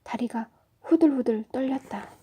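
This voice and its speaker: A woman storyteller reading a children's story aloud in a soft, often whispery narration. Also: high voice, normal speed, husky.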